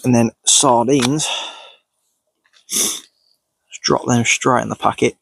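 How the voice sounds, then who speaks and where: A man's voice: medium pitch, fairly even intonation, slow pace, creaky, a little hiss or hum. A man sniffly with a cold, casually narrating his outdoor cooking as he goes, unscripted. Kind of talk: casual, unscripted narration while doing tasks. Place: outdoors in countryside.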